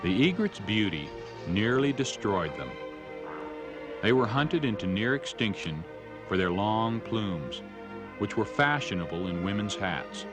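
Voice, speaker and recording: Man, nature documentary narrator, fairly low pitch, animated intonation, measured storytelling, music behind.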